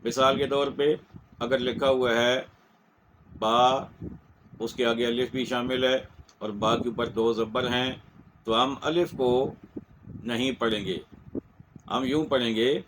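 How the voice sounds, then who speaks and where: A man with a Pakistani Urdu accent giving a slow, patient lesson in Quran recitation, repeating each point. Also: medium pitch, fairly even intonation, fairly bright tone, a little hiss or hum, rough recording. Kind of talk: step-by-step lesson.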